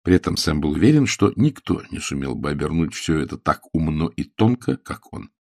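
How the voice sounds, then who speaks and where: A man narrating a novel as an audiobook, with expressive storytelling. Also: a bass voice, fairly quick, creaky, no echo, clean studio sound. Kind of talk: scripted narration.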